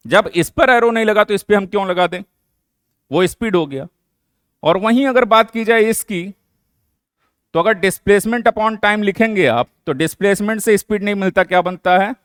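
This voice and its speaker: A man's voice: sits high, moderate pace, a bit bright, smooth, dry recording, studio quality. A man teaching a physics lesson, explaining step by step and answering his own questions. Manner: mixes English terms into Hindi. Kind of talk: classroom lecture.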